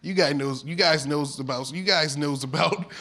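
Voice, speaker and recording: A man's voice: a little high, moderate pace, pushed and bright. A man doing an open-mic stand-up set, awkward and laughing at his own jokes. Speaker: stand-up comedian. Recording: noisy live recording.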